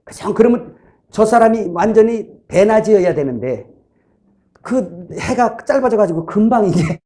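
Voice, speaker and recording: High-voiced, mellow Korean pastor preaching. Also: male voice, lively intonation, normal speed. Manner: conversational preaching, acts out quoted inner voices. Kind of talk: sermon.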